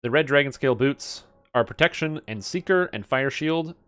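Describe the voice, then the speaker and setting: Medium in pitch, normal in speed, a bit bright, clear and resonant, his voice carries casual live game stream commentary. He thinks out loud, mumbling through item stats and details with the odd profanity.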